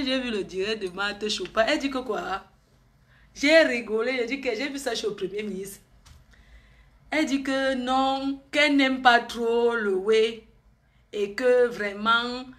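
A woman's voice: fairly high pitch, fairly bright tone. A woman, chatting and gossiping on a live stream, teasing and often laughing.

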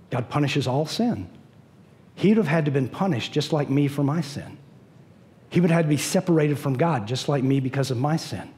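A middle-aged man preaching a sermon as pastor, animated, pacing a church stage. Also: on the high side. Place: church stage in a large dim hall.

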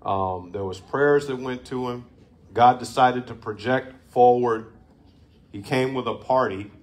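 A middle-aged man teaching a Bible lesson to a group, conversational, with restarts, lively emphasis and laughs. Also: mid-range voice, unhurried.

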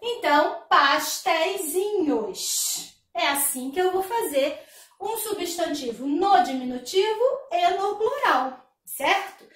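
A woman teaches a grammar lesson with a high, lively voice that rises and falls a lot. She explains each step slowly, checking in with her listeners with rhetorical questions. She stands some way off the mic in an echoey room. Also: distant mic.

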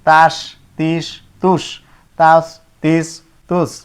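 A man with a Bangladeshi Bengali accent leads a Quran reading lesson, sounding out each syllable in turn with pauses between them. His delivery is very slow and deliberate. His voice is smooth and crisply clear. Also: fairly high pitch, monotone. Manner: chants Arabic letter-vowel syllables one by one, pausing between. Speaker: Quran teacher.

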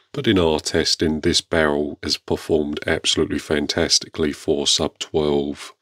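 A man hosting a video channel, presenting to viewers in a measured, polite, understated way. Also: extremely low pitch, no room sound, clean studio sound. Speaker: YouTube airgun channel host. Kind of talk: scripted-sounding product showcase narration to viewers.

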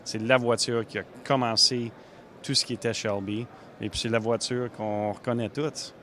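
Earnest Québécois car builder, mid voice. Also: male voice, mid-range voice, flat delivery, a bit bright. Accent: Québécois French. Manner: earnest, halting. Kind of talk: casual interview.

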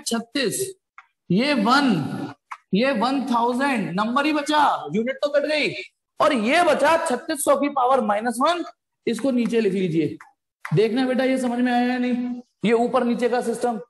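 Recorded in an echoey room, a man with an extremely high-pitched voice teaches physics. He addresses the students as "beta" and asks them questions as he works through every step.

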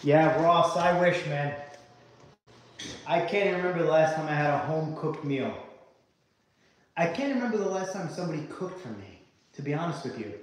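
In a rough recording from a phone held at arm's length, a young man from Hungary hosts a casual livestream in a house mid-renovation. His fairly high voice is animated at a normal speed, broken by long pauses. He chats, reads viewers' comments out loud, and frequently says "guys."

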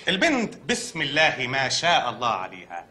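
A deadpan Egyptian doctor. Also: male voice, mid-range voice, a little fast, full character voice. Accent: Egyptian Arabic. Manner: calm, then suddenly shouting. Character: matter-of-fact hospital doctor, adult man. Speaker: hospital doctor.

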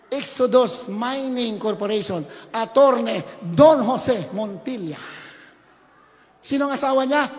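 High-voiced fervent male preacher in a hall. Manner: fervent, bursts into shouted praises, mixes in English phrases; chuckles while telling stories. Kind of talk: sermon.

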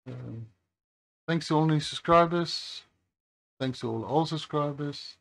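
At his highway-side workbench, a phone repair channel host talks casually to the camera while working. He's a man with a low, gravelly voice, and his delivery is slow and relaxed, full of hesitations.

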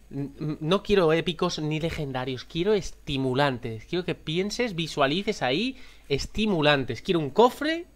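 Man with spain accent, playful chest-opening commentary, lively up-and-down voice, fairly high. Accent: Spanish from Spain. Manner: playful, coaxing the viewer to concentrate, excitable outbursts. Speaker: gaming content creator. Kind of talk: casual commentary while opening loot chests.

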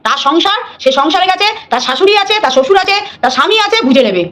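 A middle-aged woman on a live stream, talking at a rapid clip in a high voice. She scolds defiantly and drives her points home by saying them again and again. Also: lively intonation, bright, forceful tone.

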